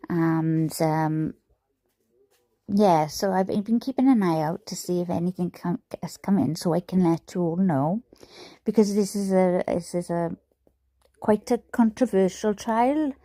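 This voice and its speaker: A woman's voice: on the low side, a little slow, warm tone, no echo. A Welsh woman hosting a livestream, talking casually with many fillers and restarts into a headset mic. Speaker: livestream host covering a trial.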